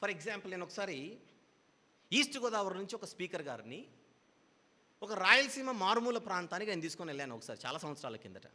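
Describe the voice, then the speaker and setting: A man's voice: high-pitched, big pitch swings, a little fast, long pauses, bright, forceful tone. Guy preaching a bible lesson, spells things out over and over, echoey hall sound. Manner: explains patiently with repeated parallel phrases. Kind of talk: Bible teaching sermon.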